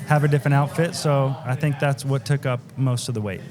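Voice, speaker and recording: Joking man, mid-pitched, chatter behind him. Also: fairly even intonation, fairly quick. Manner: self-deprecating joking. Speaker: sales rep, podcast guest. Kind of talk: casual banter. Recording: clear chatter of people behind.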